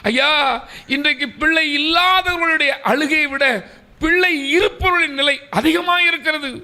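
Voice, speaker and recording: A man's voice: very high voice, fairly even intonation, moderate pace, sharp tone. A man preaching a sermon with passion, acting out laments and calling the congregation to say amen. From South India. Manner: impassioned, calls for amens, acts out quoted laments. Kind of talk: Tamil sermon.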